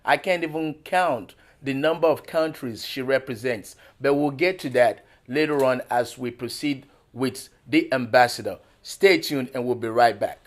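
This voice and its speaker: A man's voice: mid-range voice, moderate pace, few pauses. A man who is a pastor, hosting a TV interview show in a formal, welcoming manner. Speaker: talk show host and pastor.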